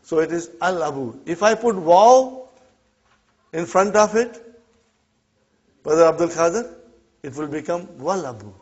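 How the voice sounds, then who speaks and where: A man's voice: on the high side, expressive, unhurried, pauses often, a little mellow, slightly rough. A man who is not a native Arabic speaker, teaching an Arabic class and checking in often with his students. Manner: checks in often with "huh?" and "okay?". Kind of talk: classroom lesson. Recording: dull lo-fi classroom recording.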